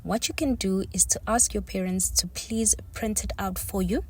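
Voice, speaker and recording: A woman teaching an online English lesson in a slow, deliberate way, warmly addressing her young viewers as her steppers. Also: mid-range voice, husky.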